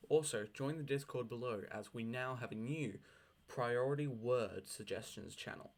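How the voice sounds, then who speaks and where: A man narrating a scripted pronunciation tutorial as host, with slow, deliberate dictionary-style enunciation. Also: medium pitch.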